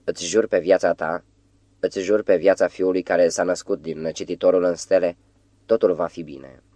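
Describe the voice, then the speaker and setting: A man reading a fearless young woman in an audiobook. She sounds ardent and reassuring but low-pitched. The recording is dry and close. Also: steady tone, mellow, no room sound.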